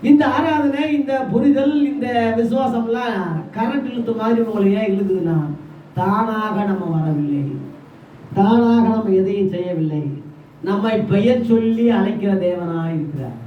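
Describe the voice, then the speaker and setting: High-pitched guy preaching to his church, heard from far off in an echoey hall, call and response. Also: measured pace, muffled recording, slight background noise. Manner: preaching with call-and-response, acting out Jesus' questions. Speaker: pastor. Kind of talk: sermon.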